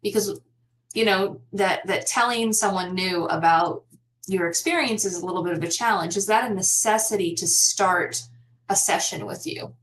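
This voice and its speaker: A woman hosting an online interview over a video call, chatty and quick to laugh, asking long run-on questions. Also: mid-range voice, fairly bright tone, slight background noise, low-quality recording. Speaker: host.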